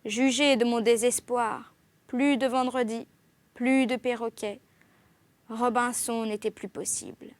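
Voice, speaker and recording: High-voiced woman reading a novel aloud. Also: unhurried, dry recording. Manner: expressive, lifts her voice on exclamations. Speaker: audiobook reader.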